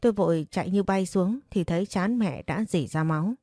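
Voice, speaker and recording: A woman narrating a first-person audiobook story in a steady, subdued way. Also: fairly low pitch, brisk, husky, no echo. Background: faint background music.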